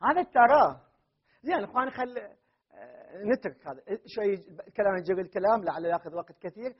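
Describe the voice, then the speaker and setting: A man's voice: sits high, animated, a little fast, breathy edge. A man teaching a classroom grammar lesson. He drills word forms aloud again and again and keeps checking with his students. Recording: dull lo-fi classroom recording.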